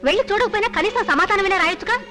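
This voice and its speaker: A concerned older mother in a film drama. Her voice is very high and bright, and she pleads in quick bursts. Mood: pleading.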